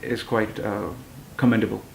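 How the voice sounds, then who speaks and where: A man's voice: lowish voice, little pitch movement, normal speed, vocal fry, reverberant, slight background noise, low-quality recording. A man in his twenties from London, a pageant titleholder and model, answering interview questions hesitantly with many fillers and restarts. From London, England. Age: 20s.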